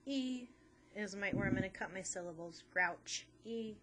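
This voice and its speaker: A woman's voice: mid-range voice, steady tone, normal speed, pushed and bright, a little hiss or hum. A woman teacher patiently walking through a phonics lesson step by step.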